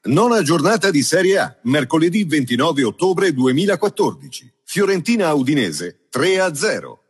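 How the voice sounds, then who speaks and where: Guy announcing fixtures, highish husky voice, swoopy intonation, big long reverb. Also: big pitch swings, moderate pace. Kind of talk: scripted match-title announcements.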